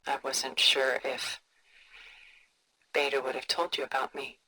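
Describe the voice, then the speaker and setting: Tilda, refined woman, bright voice. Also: very deep voice, little pitch movement, full character voice, poor audio. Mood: calm, reassuring. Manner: refined, measured, contemplative, soft breathy phrase endings. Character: cultured, composed older woman, wealthy art collector. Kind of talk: video game character dialogue, museum-guide storytelling.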